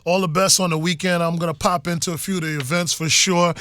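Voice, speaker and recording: Hype podcast host guy, slangy and affirming, bright tone, dry sound. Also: fairly high pitch, steady tone, fast talker, no room sound. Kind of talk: conversational interview.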